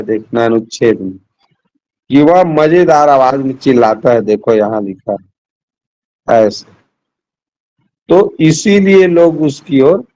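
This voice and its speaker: A high-voiced, middle-aged man with a darkish tone leads a Hindi classroom lesson over a call, taking students through each answer option patiently. The recording quality is low.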